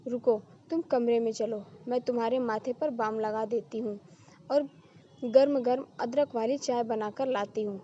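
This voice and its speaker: A woman reading the lines of a kind, caring young bride in a storybook drama, with a gentle, concerned delivery. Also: a little high, steady tone, moderate pace, dull audio, slight background noise, lightly acted.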